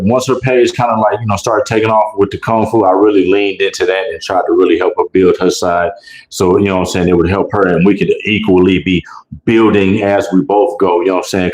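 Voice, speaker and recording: A man's voice: on the low side, darkish tone, roomy sound, rough recording. A young adult man, co-hosting a casual live stream in a laid-back, playful way. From Oklahoma. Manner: laid-back, playful, says "you know what I'm saying" often. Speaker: co-host.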